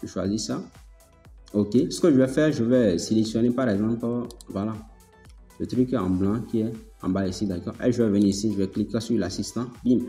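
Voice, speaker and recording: A man hosting a casual software tutorial, talking it through step by step, repeating himself and checking in with his listeners. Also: lowish voice, a little fast. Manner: chatty, filler-heavy explaining. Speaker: tutorial host. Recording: echoey room, long reverb, faint music.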